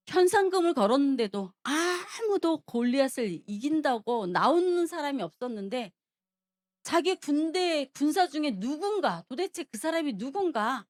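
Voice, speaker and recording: A woman preacher giving a sermon, retelling a story with animated storytelling and asking the congregation questions. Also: high voice.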